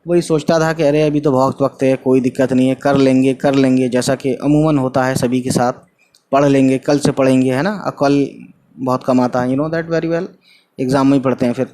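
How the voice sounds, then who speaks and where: A man teaching an Urdu textbook lesson at a middle pitch. He reads each passage, then explains it plainly, slipping in English phrases. He keeps checking that his students follow. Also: steady tone, darkish tone. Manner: reads a line of text, then explains it in simple words, mixing in English.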